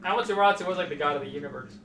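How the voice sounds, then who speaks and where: Male let's player, casual and rambling, very quick delivery, noisy background. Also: a little high. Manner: rambling, repeats words. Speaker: player and gaming commentator. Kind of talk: casual let's play commentary. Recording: echoey room, distant mic, noisy.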